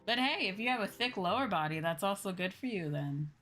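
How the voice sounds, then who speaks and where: Her voice sits in the mid-range, animated, slightly fast and a bit bright. As a livestreamer and VTuber host, she chats informally and slangily with viewers while gaming, game music audible behind her.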